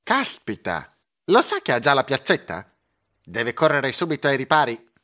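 A man voicing a slick, curly-furred male mouse who delivers and sells, with a smooth, confiding salesman's manner in a storybook audiobook. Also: medium pitch, wildly swooping pitch, normal speed, bright, forceful tone.

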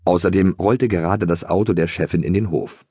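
A man narrating a children's audiobook in an animated, expressive storytelling manner. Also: low voice, brisk, husky, dry recording, clean studio sound.

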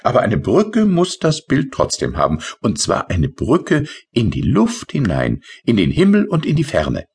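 A man voicing a tiny, cheerful male rain sprite in a children's audiobook, with a bright, gently teasing lilt. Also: medium pitch, wildly swooping pitch, a little slow, gravelly, few pauses, husky, pitched above the performer's own voice, exaggerated voice.

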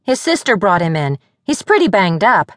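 A woman narrator voicing a lively, caring young woman who talks briskly and expressively. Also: mid-range voice, dry recording, studio quality.

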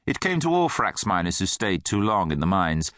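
Man reading a kids fantasy audiobook, animated, dry close mic, lowish voice. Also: moderate pace, no room sound. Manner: expressive, animated storytelling. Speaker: audiobook narrator. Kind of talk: scripted audiobook narration.

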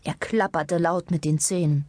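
A woman narrating a children's audiobook in a calm, clear storytelling manner. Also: lowish voice, normal speed, no room sound.

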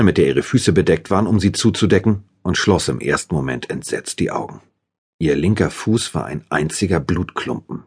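A man's voice: extremely low pitch, slightly rough. A man reading a thriller audiobook in the first person, with a dramatic and intense delivery. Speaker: audiobook narrator.

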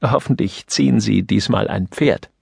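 A man's voice: lowish voice, moderate pace, gravelly, husky, no echo, clean studio sound, heavily acted. A man voicing a dutiful young female office secretary in an audiobook, speaking politely. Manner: dutiful, polite, repetitive replies.

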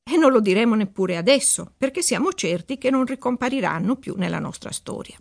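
Casting: woman author reading a kids' story, animated, a little creaky. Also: fairly high pitch, fairly quick. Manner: playful, expressive storytelling. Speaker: author reading her own book. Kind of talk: children's audiobook narration.

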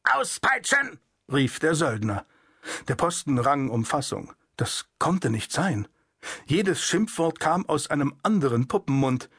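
A man narrating an abridged audiobook in an even, measured storytelling manner. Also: a little high, slightly rough, no room sound, clean studio sound.

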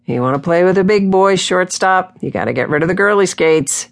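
A woman voicing a bossy, jovial older brother who coaches the team in a loud, hearty, commanding way, read for an audiobook. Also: lowish voice, lively intonation, fairly quick, vocal fry, pitched above the performer's own voice. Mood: mocking.

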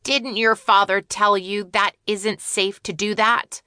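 A woman voicing a gruff, scolding male squirrel in a children's audiobook, bossy and sharp-tongued. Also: medium pitch, fairly even intonation, slow pace, no echo, clean studio sound.

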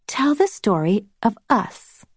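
A woman voicing a restless, wild-hearted young girl who speaks in hushed, urgent whispers at night. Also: on the high side, very animated, takes it slowly, slightly rough, no room sound, studio quality, full character voice. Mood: eager.

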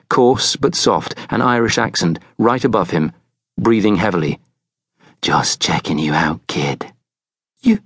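A man narrating a thriller audiobook in a measured, tense storytelling manner. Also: low-pitched, no echo, studio quality.

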